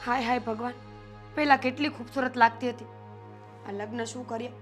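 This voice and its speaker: A young woman playing a defiant, sharp-tongued wife who refuses and mocks. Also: on the high side, steady tone, fairly quick, music in the background, natural voice. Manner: sarcastic, refusing, tart.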